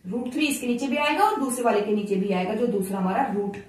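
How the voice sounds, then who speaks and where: A woman's voice: fairly high pitch, lively intonation, fast talker, recorded from a distance. A woman teaching a maths lesson, explaining each step and asking her students questions as she works. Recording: very echoey room, voice from off-mic.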